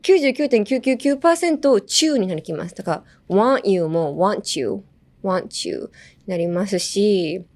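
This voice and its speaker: A woman's voice: mid-range voice, moderate pace, hardly any pauses, darkish tone. A young woman hosting a casual language-lesson podcast, explaining phrases in a chatty way and laughing lightly now and then. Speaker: podcast host.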